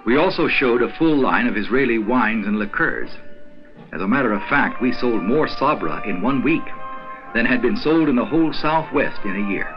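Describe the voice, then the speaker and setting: An older man giving a measured scripted narration for a documentary film. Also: lowish voice. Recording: dull 1970s film soundtrack.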